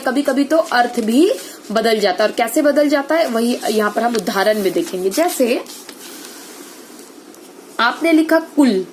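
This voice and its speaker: A woman's voice: sits high, a little hiss or hum. A woman teaching an online Hindi grammar class. She explains step by step, asks the class questions, answers them herself and keeps checking that the students follow. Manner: explains step by step, often checks with "theek hai".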